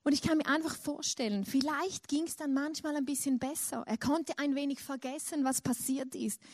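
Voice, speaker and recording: A woman's voice: high voice, normal speed, dry recording, clean studio sound. A woman preaching a sermon and retelling a story, rising dramatically when she imagines a grieving father's cries.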